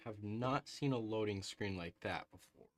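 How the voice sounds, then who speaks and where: A man's voice: on the low side, moderate pace. A man streaming live over a headset mic, thinking aloud and reacting to a game with frequent "ooh"s and little laughs as he talks to his chat. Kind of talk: live gameplay commentary, talking to chat.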